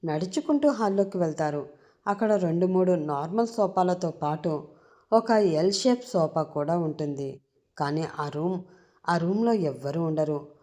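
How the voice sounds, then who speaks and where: Female narrator for a dramatic audio story, lower voice, warm and mellow. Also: expressive, unhurried.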